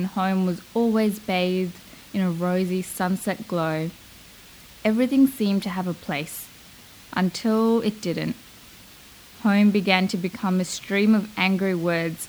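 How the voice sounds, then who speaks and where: A young woman from Malaysia narrating a reflective spoken-word essay, slow and measured, lingering on her phrases. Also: lowish voice, darkish tone, slight background noise, poor audio.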